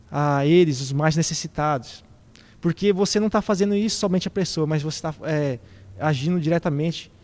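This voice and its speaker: A man's voice: fairly high pitch, darkish tone, big-room sound. A man preaching a reflective sermon who poses questions to his congregation.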